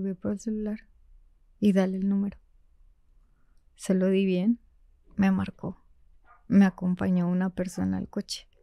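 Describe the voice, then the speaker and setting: A Mexican woman recounting a personal story as a podcast guest. Her voice is fairly high yet mellow, and she talks at an unhurried pace. The sound is dry and close, and she hushes whenever she quotes someone. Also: clear, resonant tone, no room sound. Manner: animated storytelling, drops to a hush when quoting.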